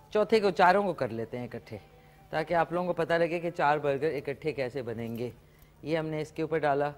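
Chatty woman hosting a cooking segment. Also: fairly low pitch. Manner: chatty, animated, with frequent exclamations. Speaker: morning show host. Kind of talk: live cooking demonstration chat. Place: TV studio kitchen set.

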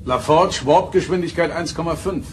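Actor as Picard, stern authoritative starship captain. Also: male voice, on the high side, normal speed, slight background noise, lightly acted. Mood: brisk. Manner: crisp, formal, stern. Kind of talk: German audio drama acting.

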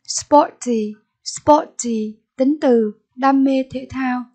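A woman's voice: high voice, drawn-out words, dark tone. A Vietnamese-accented woman teacher in a recorded English vocabulary lesson, repeating each word and giving its meaning and stress.

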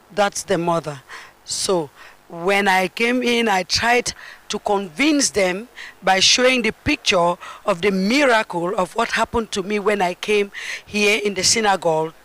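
A middle-aged woman from Cameroon giving an earnest, halting testimony at a church, speaking into a handheld mic on a large indoor stage. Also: mid-range voice, fairly bright tone, rough recording. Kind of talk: spoken testimony.

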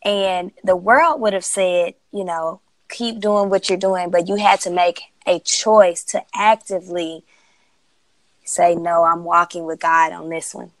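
A woman's voice: lowish voice, steady tone, measured pace, no echo, rough recording. A woman hosting a faith podcast, leading her guest into his story in an upbeat, conversational way. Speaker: podcast host. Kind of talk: casual interview chat.

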